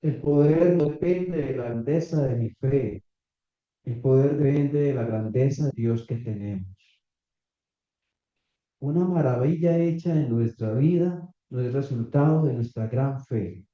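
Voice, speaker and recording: A man preaching a sermon to a congregation, reading scripture slowly and asking the listeners questions. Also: medium pitch. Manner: slow, deliberate preaching with rhetorical questions to the congregation. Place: small church meeting room. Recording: echoey, slightly dull church recording.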